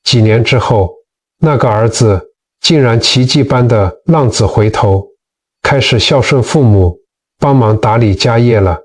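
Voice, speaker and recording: A man tells moral teaching stories in scripted narration, earnest and direct with his listeners. His voice sits at a middle pitch for a man. The microphone sounds a touch distant. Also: unhurried. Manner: earnest, addresses listeners as friends. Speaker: narrator of Buddhist teaching channel.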